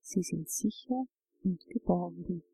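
A woman narrating a guided relaxation journey, giving calm, soothing instructions. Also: fairly low pitch, slow pace, slightly rough, dry recording, soft background music, rough recording.

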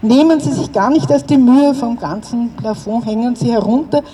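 A woman's voice: moderate pace, dark tone, lightly acted. Fields: Voice: a woman doing an urgent caretaker woman. Sound: distant outdoor mic. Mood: urgent pleading. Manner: urgent, pleading, raised pitch. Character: frightened but quick-witted woman caretaker.

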